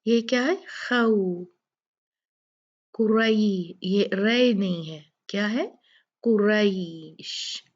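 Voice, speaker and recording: A woman teaching Quran recitation rules, drawing out each word slowly, then explaining it and answering her own questions. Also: medium pitch, a little mellow, highs cut off. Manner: drawn-out recitation of words between quick explanations; corrects common student mistakes, asks and answers own questions. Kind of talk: step-by-step recitation lesson.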